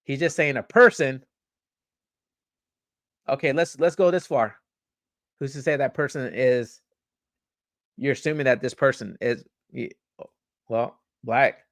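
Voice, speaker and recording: A man's voice: mid-range voice, unhurried, long pauses, no room sound, clean studio sound. A young man hosting a podcast, reading news aloud and ranting about it, stumbling over words, repeating himself and swearing as he gets heated. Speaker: podcast host.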